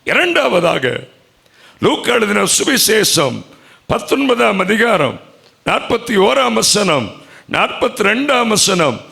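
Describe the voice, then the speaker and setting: A high, gravelly male preacher, delivering an emotional sermon at a church convention. His pitch swings widely and he speaks slowly, his tone bright and forceful. He moves from loud cries to hushed, low phrases. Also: very animated. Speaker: pastor.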